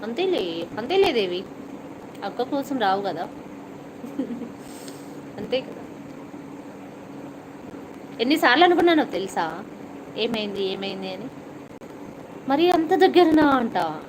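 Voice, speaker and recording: A woman's voice: on the high side, sing-song, measured pace, pauses often, noisy background. A middle-aged woman with a slight cough, hosting a casual live stream, chatting with and teasing viewers as she reads out their comments. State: has a cough.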